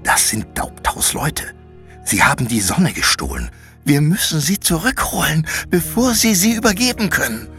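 A man's voice: on the high side, wildly swooping pitch, moderate pace, sharp tone, breathy edge, soft background music, pitched above the performer's own voice, heavily acted. A man voicing a bossy, secretive girl adventurer on a mission, who talks in a curt, impatient, know-it-all way in a storybook reading. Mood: urgent.

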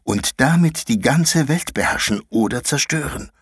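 A man's voice: mid-range voice, lively intonation, normal speed, slightly rough, no room sound, clean studio sound, pitched above the performer's own voice. A man voicing a bossy, secretive girl adventurer on a mission, who talks in a curt, impatient, know-it-all way in a storybook reading. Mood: urgent.

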